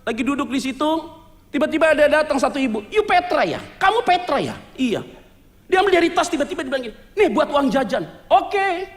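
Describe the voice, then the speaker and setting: A male pastor preaching a sermon, telling his story in a lively, joking way and mixing in English words. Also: extremely high pitch, fast talker, big-room sound, a little hiss or hum. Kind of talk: sermon testimony. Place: church sanctuary.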